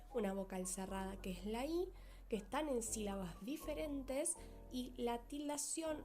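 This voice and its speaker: A woman teacher, explaining a grammar lesson in a clear, methodical way and slowing down to stress key words. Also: fairly high pitch, darkish tone.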